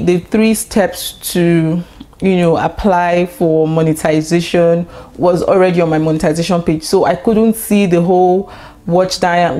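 A young woman talking casually to camera in a vlog, chatty and excitable, with lots of fillers and bursts of laughter. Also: fairly low pitch. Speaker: YouTuber.

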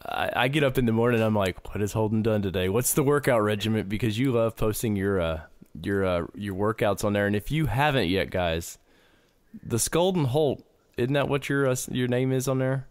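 Brief: low-pitched male podcast host, loose rambling chat, dry close sound. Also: lively intonation, fairly quick, no echo. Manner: rambling, filler-heavy. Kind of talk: casual chat.

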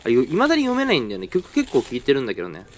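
A man's voice: mid-range voice, huge pitch swings, rapid-fire. A young man narrating a casual vlog while browsing a flea market, chatty and rambling, often correcting himself mid-sentence. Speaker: toy-hunting vlogger. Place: indoor parking garage flea market.

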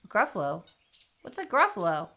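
A woman's voice: medium pitch, huge pitch swings, moderate pace, sharp tone, heavily acted. A woman voicing a hungry, hooting male owl in a storybook read-aloud, sing-song in manner. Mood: sly.

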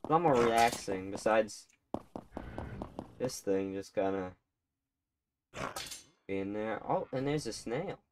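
A man's voice: lowish voice, animated, slow pace, pauses often, noisy background. A man hosting a gaming video, joking and exclaiming through casual banter with his friends. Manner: goofy, exclamatory, jokey.

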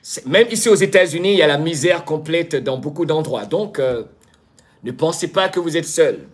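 A man hosting a live stream who chats casually with viewers, greets them by name, and teases them with bursts of excitement. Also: on the high side, moderate pace, slightly rough. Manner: exuberant, teasing, greets chat by name. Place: home in the United States.

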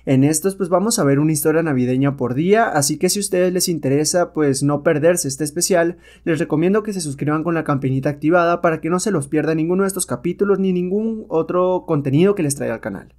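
A man introducing a new episode on his channel, speaking slowly and deliberately with the odd "pues". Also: on the high side, a little mellow. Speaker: channel host.

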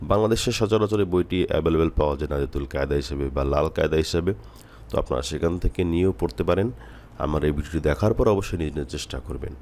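A man from Bangladesh giving a recorded Quran reading lesson, explaining patiently and drawing out letter sounds slowly in drills. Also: low voice, a little mellow. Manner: slow, drawn-out recitation of letter drills. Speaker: Quran teacher.

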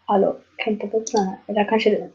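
A woman doing casual gaming commentary, excitable and prone to loud shrieking laughter. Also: mid-range voice, gravelly, highs cut off, slight background noise. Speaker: gaming video creator.

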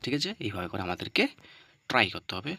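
A man teaching Arabic letter pronunciation step by step. He often asks and answers his own questions and repeats the letter sounds loudly. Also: lowish voice, sing-song, quick pace, creaky, dry recording.

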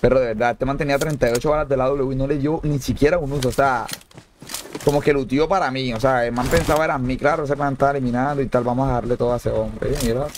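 A young man giving casual gameplay commentary in slangy, jokey talk that breaks into shrill pleading. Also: steady tone, quick pace, background noise. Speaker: gamer streamer.

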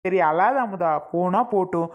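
A relaxed young husband from a cartoon, voiced by a woman. The voice sits low for a woman, and his talk is teasing and hospitable. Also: moderate pace, highs cut off, lightly acted. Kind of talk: cartoon voice acting.

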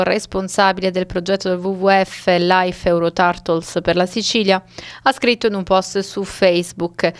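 Smooth-voiced female newsreader. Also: medium pitch, dry recording, clean studio sound. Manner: even, formal delivery. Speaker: news reader. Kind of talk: scripted news narration.

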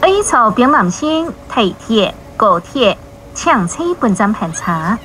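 Give me a slow, lilting woman's announcement voice over a train intercom. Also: fairly high pitch, big pitch swings, slight background noise, rough recording. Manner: measured, clearly enunciated. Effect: over the train's intercom loudspeaker. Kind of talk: recorded transit announcements.

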